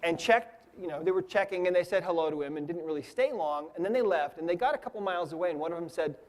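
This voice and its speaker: A man's voice: a little high, fast talker, darkish tone. A man in his fifties, teaching a lesson by telling a personal story in a chatty way, often checking in with "right?" and "okay?". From United States. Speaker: energy healing teacher. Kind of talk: storytelling lecture.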